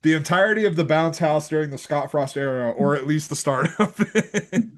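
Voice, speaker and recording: A man's voice: a little high, fairly quick. A man co-hosting a sports podcast, casual and slangy, laughing often between remarks. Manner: loud laugher, slangy, says bro and baby. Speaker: podcast co-host.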